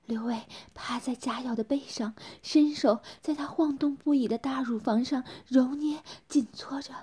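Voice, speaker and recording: A woman narrating an erotic audio story in a soft, hushed whisper. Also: high voice, steady tone, moderate pace, husky.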